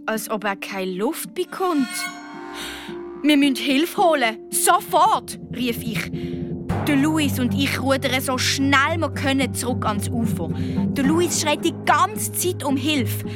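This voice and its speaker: A woman with a Swiss German accent narrating a children's story in the first person, slow and expressive in a child's voice. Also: high voice. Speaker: audiobook reader. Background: guitar music.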